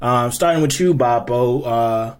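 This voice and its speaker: A man's voice: medium pitch, a little slow, clean tone. A man hosting a podcast, earnest and searching for words, often repeating himself. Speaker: podcast host. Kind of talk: casual podcast chat.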